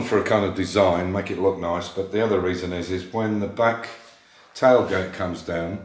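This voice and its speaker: A man in his sixties explaining metal fabrication steps while working on a classic car, thinking aloud with plain fillers. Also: low voice. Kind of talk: workshop how-to narration. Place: large indoor car workshop. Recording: echoey workshop room.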